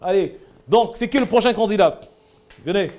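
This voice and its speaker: A man's voice: sits high, normal speed, darkish tone. A man coaching trainees in public speaking during a live workshop, giving directions and demonstrating lines himself.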